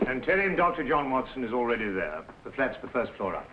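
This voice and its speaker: An actor playing an earnest, bumbling gentleman doctor in a vintage detective radio drama, with a polite, fussy manner. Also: mid-range voice, sing-song, fast talker, lightly acted. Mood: discreet, helpful. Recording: dull old radio recording with noise.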